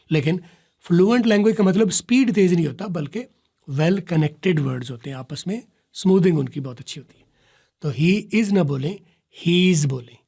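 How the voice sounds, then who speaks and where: Husky-voiced man teaching English. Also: a little high, mellow. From Pakistan. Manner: explains patiently, repeating examples slowly and asking "right?". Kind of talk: spoken English lesson in Urdu.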